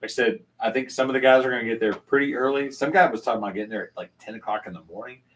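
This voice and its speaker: A man's voice: medium pitch, rapid-fire, a bit bright, recorded from a distance, low-quality recording. An older man hosting a casual live chat from his home bar, rambling with many restarts and fillers. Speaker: channel host.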